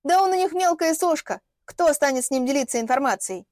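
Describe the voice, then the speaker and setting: A woman's voice: fairly high pitch, lively intonation, brisk, a little mellow, dry recording, clean studio sound, natural voice. A woman reading an audiobook, voicing a bold, sarcastic young heroine who confronts and mocks. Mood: scornful. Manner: mocking, confrontational.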